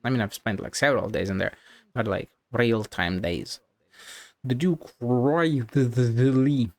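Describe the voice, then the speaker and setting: Mostly talking to themself, a streamer offers laid-back, joking and sweary commentary while playing a game. Their voice is medium-pitched and unhurried, on a dry recording.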